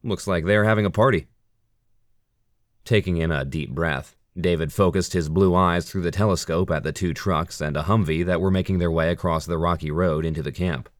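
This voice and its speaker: A man narrating a military thriller audiobook in a steady, even storytelling manner. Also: low-pitched, a little fast, few pauses, no room sound, studio quality.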